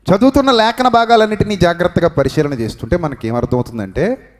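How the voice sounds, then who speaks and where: A male pastor preaching a sermon, swinging between loud, high exhortation and hushed, low emphasis, drilling the congregation to repeat phrases aloud. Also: quick pace. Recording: long reverb in a hall.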